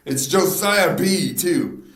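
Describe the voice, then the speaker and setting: A man chatting on a podcast, taking his time as he reads through a story. His pitch jumps around a lot and he breaks into laughter when he trips over a word. The room is echoey. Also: expressive, takes it slowly, fairly bright tone. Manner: laughs often, slips on words and restarts. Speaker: podcast host. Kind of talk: casual chat, reading a true crime story.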